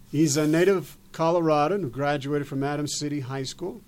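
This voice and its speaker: A man's voice: on the high side, steady tone, normal speed, a little mellow. A man hosting a talk show, chatting unscripted in a rambling, emphatic, stop-and-start way. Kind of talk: unscripted show introduction and chat.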